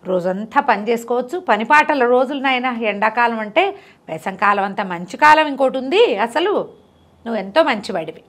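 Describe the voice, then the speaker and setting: A woman voicing a gentle, meek old village grandmother who speaks softly and fondly in a storybook tale. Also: a little high, lively intonation, normal speed. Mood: fond, soothing. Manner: soft, affectionate and praising.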